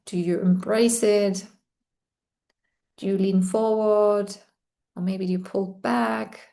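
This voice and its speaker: A woman guiding a relaxation meditation in a slow, soothing way, with long pauses between phrases. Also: medium pitch, little pitch movement, warm tone. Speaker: meditation guide. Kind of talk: guided meditation.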